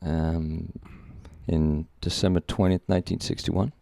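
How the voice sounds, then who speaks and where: Gravelly older man from Singapore. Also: deep voice, little pitch movement, measured pace, dark tone, dry recording. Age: 60s. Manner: joking, rambling, with many restarts. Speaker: podcast guest, company founder. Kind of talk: casual interview chat.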